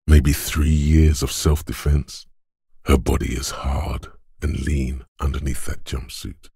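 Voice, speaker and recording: A male actor voices a video game's inner voice of physical strength, gruff and macho like a drill coach, blunt, taunting and commanding. His tone is gravelly and husky, rumbling low yet a little mellow, heavily acted in a dry, clean studio recording.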